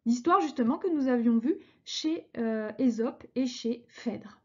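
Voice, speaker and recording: A woman teaches a recorded lesson on verse and meter. She explains slowly and patiently, reading lines out syllable by syllable. The recording sounds a little dull and muffled. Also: a little high. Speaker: French teacher.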